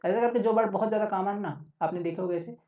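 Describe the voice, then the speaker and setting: A male coaching teacher gives a casual online lesson in a high-pitched, dark-toned voice, racing along in a chatty, repetitive way and constantly checking in with listeners. He sits a little far from the mic, so the sound is roomy, distant and dull.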